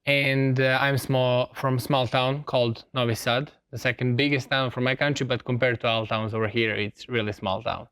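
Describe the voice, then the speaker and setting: Young Serbian man, non-native English, smooth clear voice, earnest and halting, studio guest. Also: medium pitch, fairly even intonation, fairly bright tone. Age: young adult. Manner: earnest, with many hesitations. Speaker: student athlete guest. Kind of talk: studio interview answers. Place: TV studio set.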